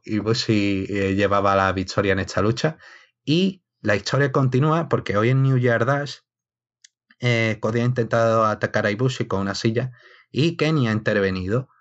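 Low male voice, casual discursive sports talk, self-interrupting, slightly muffled lo-fi sound. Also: normal speed. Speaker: wrestling podcast analyst. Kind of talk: casual wrestling analysis chat.

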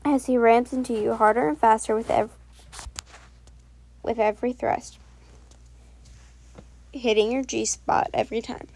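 Slow, gravelly-voiced woman narrator. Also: a little high, steady tone. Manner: soft, unhurried reading with self-corrections. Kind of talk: second-person audio story reading.

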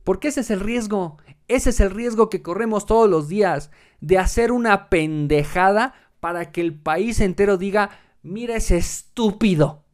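A man's voice: high voice, moderate pace. Sarcastic, foul-mouthed man. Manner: sarcastic, profane, deadpan. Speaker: podcast host. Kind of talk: comedic monologue.

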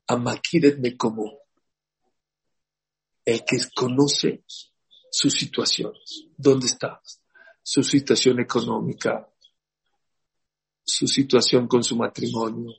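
Gravelly-voiced man teaching a Torah class. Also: mid-range voice, poor audio. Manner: storytelling, asks the class questions. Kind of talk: lively religious class talk.

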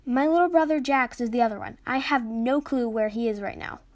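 A woman's voice: a little high, fairly quick, close to an everyday voice. A woman reading as an earnest young girl adventurer.

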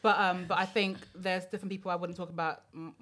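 A woman's voice: fairly low pitch, level tone, quick pace, fairly bright tone. A woman co-hosting a podcast, chatting frankly and rambling with lots of fillers. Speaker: podcast co-host. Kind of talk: casual chat.

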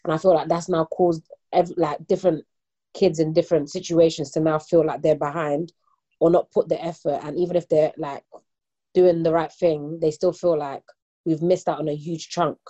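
Deep dark-voiced woman. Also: level tone, dull audio. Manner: earnest, halting, filler-heavy. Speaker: mother of a young child. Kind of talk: casual group discussion.

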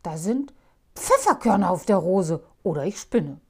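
A woman voicing a proud, blustering middle-aged homeowner in a storybook, given to loud exclamations. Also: on the low side, very animated, a little slow, breathy edge, heavily acted.

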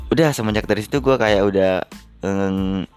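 A man's voice: lowish voice, normal speed, darkish tone, soft background music. A young man, telling a story to his viewers in a chatty, slangy way full of fillers. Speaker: vlogger.

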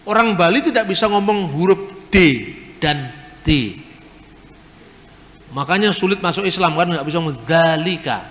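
A man's voice: high voice, normal speed, pauses often, a bit bright. A man lecturing at a question-and-answer session, explaining word sounds with rhetorical questions and spelled-out letters. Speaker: speaker at a Q&A. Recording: long hall reverb.

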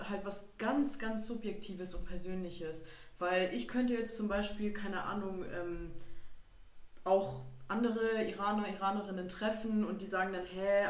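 A young woman speaks as a guest in a casual podcast, laying out her ideas in a thoughtful, lively way with fillers along the way. She sits away from the microphone. The room adds a clear echo. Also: mid-range voice. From Germany. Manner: thoughtful, animated explaining with fillers. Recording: echoey room, distant from mic.

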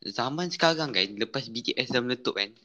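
A young man with a Malaysian accent in casual chat, retelling things in an animated way and restating his points. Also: mid-range voice, fairly quick, dull audio.

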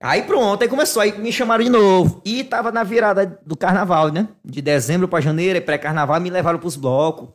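Man, high voice, animated storytelling, self-mocking, laughing. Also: fairly quick, hardly any pauses. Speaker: podcast guest. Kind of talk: casual storytelling.

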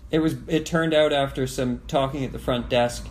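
A man's voice: mid-range voice, fairly even intonation, normal speed, slight background noise. Chatty Canadian man co-hosting a podcast. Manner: chatty, jokes and chimes in. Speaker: podcast co-host. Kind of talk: casual travel storytelling.

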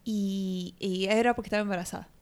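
A woman sharing trivia in a relaxed casual chat, often pausing on fillers. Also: mid-range voice, clean tone. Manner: relaxed, trails off in fillers, lists facts.

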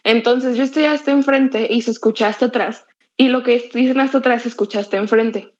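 A young woman from Mexico, co-hosting a casual podcast chat, who talks very loudly and forcefully. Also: fairly high pitch, fairly even intonation, a little fast. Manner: very loud, forceful way of speaking. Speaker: podcast co-host. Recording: slightly muffled lo-fi sound.

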